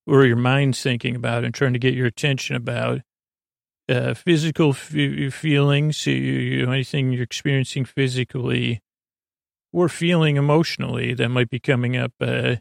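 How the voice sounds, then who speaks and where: The host of a bedtime podcast rambles through a meandering sleep monologue in a notably creaky, mid-pitched voice with fairly even intonation. He's soothing and gently whimsical, often halting, stammering, and drifting into tangents. The recording is dry, with no room echo.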